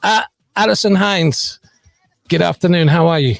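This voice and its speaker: A man's voice: sits high, normal speed, creaky, dry recording. A man hosting a drivetime radio show, chatting in a joking, self-mocking way as he introduces songs and his guest. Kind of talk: casual on-air chat and song introductions.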